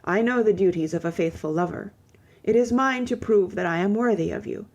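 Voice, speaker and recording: A woman's voice: mid-range voice, a little fast, darkish tone, lightly acted. A woman voicing a devoted, humble young Spanish man, speaking earnestly and tenderly in a storybook reading.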